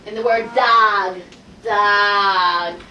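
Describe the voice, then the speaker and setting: A woman teaching a Hebrew phonics lesson to a class, energetic and coaxing, asking the group question after question. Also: sits high, moderate pace, dull audio, a little hiss or hum. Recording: roomy classroom audio from far off.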